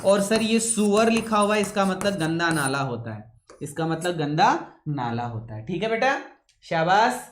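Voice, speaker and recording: A man teaching English vocabulary in a classroom lecture, pausing often to ask his students whether they have understood, and deliberately slowing his usually fast speech. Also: high-pitched, big pitch swings. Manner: keeps checking with students, calls them son. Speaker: English teacher for exam coaching. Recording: echoey room.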